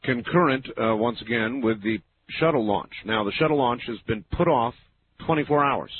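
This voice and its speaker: A man with a smooth radio host delivery, running a late-night call-in show and talking to his listeners. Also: mid-range voice, animated, normal speed. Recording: tinny lo-fi radio broadcast with faint hiss.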